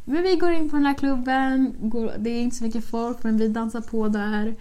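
A woman's voice: a little high, smooth. A young woman casually telling a story, acting out what she and her friends said. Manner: animated, quotes herself and friends with "jag bara".

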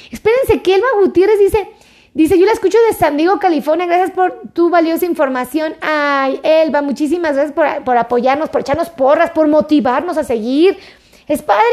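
A woman with a high voice hosts a live stream and reads out her viewers' comments. She greets each of them effusively and affectionately, like a doctor chatting with her followers. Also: a little mellow.

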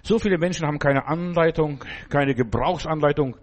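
A man's voice: on the high side, normal speed. An older man from Germany preaching an informal sermon, talking conversationally and asking his listeners again and again whether they understand. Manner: conversational, keeps asking "verstehst du?".

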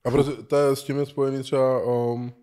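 A man with a medium-pitched voice co-hosts a casual podcast chat. He asks questions and makes blunt, chatty comments. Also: level tone, mellow.

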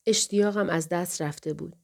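A woman narrating a novel in the first person, calm and measured, voicing a young girl telling her own story. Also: on the low side, creaky. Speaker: audiobook narrator.

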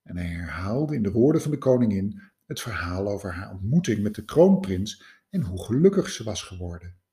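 A man narrating a fairy tale in an expressive storytelling manner. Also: on the low side, moderate pace. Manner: expressive, lively.

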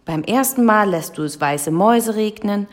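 A woman's voice: medium pitch, expressive, normal speed, natural voice. Abraxas, a grumpy raven, voiced by a woman. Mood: scolding. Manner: scolding, croaking. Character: grumpy scolding male raven.

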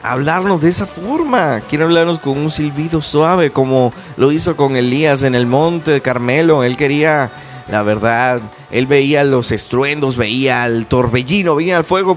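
A man's voice: on the high side, moderate pace, soft background music. A man preaching a radio sermon, earnestly urging his listeners in direct address.

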